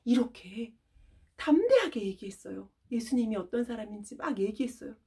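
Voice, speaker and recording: A woman preaching to children in Sunday school, telling a bible story in an animated, emphatic way and asking the kids questions. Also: a little high, moderate pace, creaky, breathy edge.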